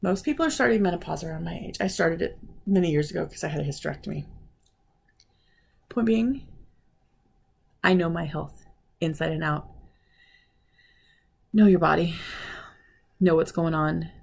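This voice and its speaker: A woman in her forties chatting casually in a vlog, telling stories with animated retellings of conversations and sounding frustrated. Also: lowish voice, normal speed, vocal fry, pauses often, breathy edge. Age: 40s. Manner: animated storytelling, acting out quoted conversations; frustrated, ranting. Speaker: vlogger. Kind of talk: casual chat.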